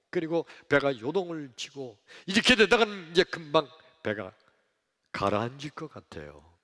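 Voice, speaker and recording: A male pastor preaching a sermon in a church, telling the story dramatically, acting out voices and swinging between loud outbursts and hushed lines. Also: a little high. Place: church sanctuary. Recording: long hall reverb.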